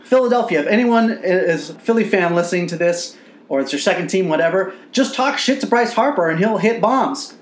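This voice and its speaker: A man co-hosting a podcast in casual sports chat, animated and profane, laughing often. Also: sits high, a little fast, roomy sound. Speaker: podcast co-host.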